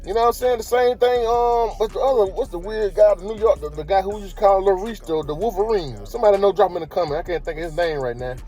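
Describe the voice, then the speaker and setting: A man's voice: high-pitched, fast, few pauses, mellow, faint music behind. A man hosting a casual commentary vlog, talking in slang and throwing rhetorical questions at his viewers. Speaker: commentary channel host.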